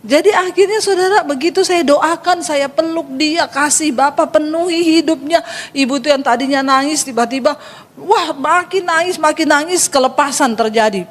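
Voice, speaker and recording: A woman's voice: high-pitched, moderate pace, big-room sound. A woman pastor preaching a sermon, telling funny stories and speaking directly to her congregation. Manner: humorous storytelling, acts out dialogue.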